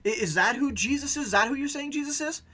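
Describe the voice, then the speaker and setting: A male pastor hosts his own podcast in a preaching style. His voice is bright and forward, and he talks earnestly and emphatically. He often stumbles into quick restarts before pushing his point. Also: extremely high pitch, animated.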